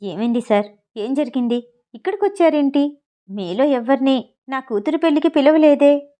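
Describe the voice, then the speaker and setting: A woman's voice: high voice, animated, moderate pace, dark tone. A woman voicing the bride's worried older father, protesting to the police, in a storybook reading. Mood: anxious. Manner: anxious, protesting.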